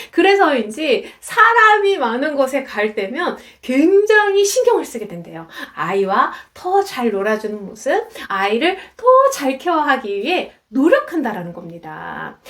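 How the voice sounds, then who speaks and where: A woman lecturer telling personal stories in a YouTube talk, acting out the voices of the people she quotes. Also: high-pitched. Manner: animated, acts out quoted voices.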